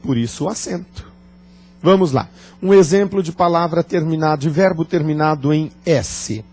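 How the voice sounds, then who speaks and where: A man teaching a grammar lesson, talking deliberately, joking and quizzing his class. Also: on the high side, a little mellow. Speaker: Portuguese teacher.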